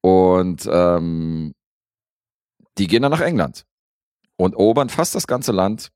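A man co-hosting a podcast, reviewing a film in a relaxed, rambling way with lots of fillers. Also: deep voice, slow, no echo, clean studio sound. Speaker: podcast co-host reviewing films. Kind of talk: casual chat.

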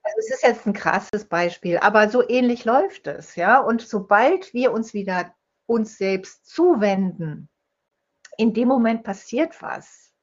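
A woman's voice: medium pitch, lively intonation, a little slow. A woman guest in a conversational interview, explaining her ideas through vivid stories and acting out the voices of the people in them. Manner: storytelling, acts out quoted speech. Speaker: guest, holistic dental health speaker. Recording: dull lo-fi sound.

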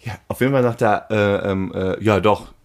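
A man in casual chat, telling an animated story and acting out the phone calls in it. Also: on the low side, moderate pace.

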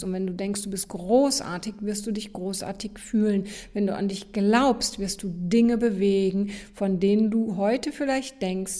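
A woman hosting a motivational podcast, speaking straight to the listener in an encouraging way and often checking in with a quick "ja?". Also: mid-range voice, a little mellow. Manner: encouraging, addresses listener directly, frequent "ja?" tags. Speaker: podcast host, motivational coach.

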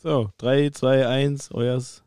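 A man running a relaxed quiz round with friends, chuckling as he teases them. His voice sits in the middle range and sounds dry and close, with no room around it. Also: medium pitch, drawn-out words, clear, resonant tone, no echo. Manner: laughs often, teasing. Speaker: quiz host. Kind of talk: casual group chat.

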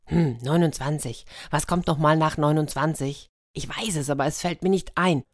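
Brief: woman doing a fussy flustered anteater, low voice, storybook. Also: moderate pace, dry recording, clean studio sound. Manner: flustered, muttering counting. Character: fussy muddled male anteater.

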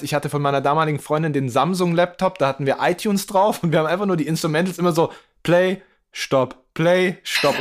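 A man talks in a loose, slangy way as a guest rapper on a casual podcast. His voice comes through low-quality remote stream audio. It sits a little high for a man.

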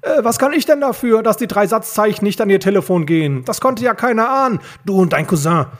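A man's voice: sits high, animated, a little fast, voice pushed up. A man playing a short-tempered older villain. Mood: angry. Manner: scolding, insulting. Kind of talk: audiobook reading.

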